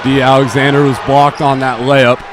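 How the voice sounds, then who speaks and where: A medium-pitched young man, a student in his teens or early adulthood, gives flat, normal-speed basketball commentary, tossing out clipped phrases as each action happens. The recording picks up gym ambience and balls bouncing in a noisy space.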